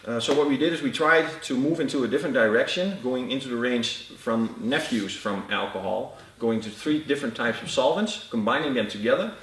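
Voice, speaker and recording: A man giving a technical product explanation in a halting way, with frequent fillers. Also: medium pitch, animated, fairly bright tone, distant mic, slight background noise. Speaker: product expert. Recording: roomy echo, off-mic.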